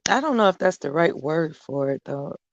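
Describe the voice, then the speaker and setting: A man's voice: on the high side, big pitch swings, normal speed, creaky, no room sound. Man with a dull lo-fi sound, short remarks. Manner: brief interjections and questions. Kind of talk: casual political discussion.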